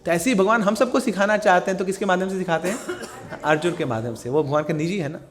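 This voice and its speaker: A middle-aged man from India gives a scripture lesson, and his voice sits high for a man. He chants the verses slowly, then moves into quick, animated stories and acts out each character's lines. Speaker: Gita teacher.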